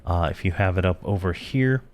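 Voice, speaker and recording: A man's voice: low-pitched, a little fast, darkish tone, faint music behind. A man giving casual gameplay commentary, thinking aloud with many fillers, tired and yawning. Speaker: game guide creator.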